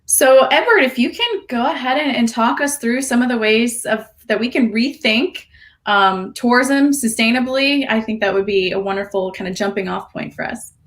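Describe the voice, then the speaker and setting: Woman, university director, clear and friendly. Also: on the high side, moderate pace, fairly bright tone. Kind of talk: self-introduction.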